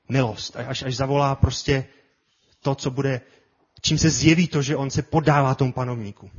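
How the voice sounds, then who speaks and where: A man preaching a sermon with passion, often repeating his words and building to loud cries. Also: mid-range voice, slightly rough, lo-fi sound. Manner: impassioned, repetitive, builds to shouts.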